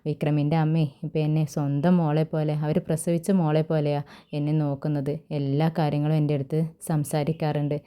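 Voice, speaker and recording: A gentle young wife reassuring her worried mother, voiced by a woman recapping a story. The delivery is low, even and smooth, with a dark, mellow tone. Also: brisk, lightly acted. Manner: soothing, reassuring.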